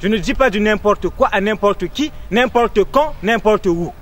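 A man's voice: sits high, normal speed, slight background noise. A man, lecturing proudly in street banter outdoors in a city street. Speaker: sapeur.

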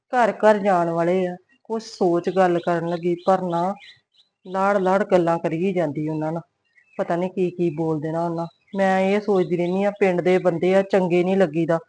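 A woman's voice: on the low side, warm tone, natural voice. A middle-aged woman playing a suspicious mother-in-law in a web series drama, muttering scornful asides to herself. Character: suspicious, grumbling mother-in-law spying on her daughter-in-law.

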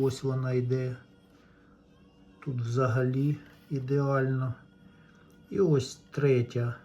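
An electronics repair hobbyist presents his own video, casually and without a script walking viewers through a hands-on repair step by step. He has a mellow, mid-range man's voice.

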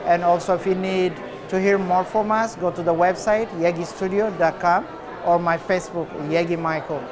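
A man in his forties from Ethiopia, an artist answering interview questions in a relaxed, unhurried way with many filler pauses, recorded indoors in a cafe. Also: sits high, a crowd in the background.

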